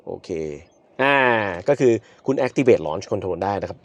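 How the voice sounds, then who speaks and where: A man reviewing a car from behind the wheel, counting down launches and shouting in excitement at the speed. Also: deep voice, takes it slowly, slightly rough, dry recording, dull audio. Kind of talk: car review while driving. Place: inside a car on the road.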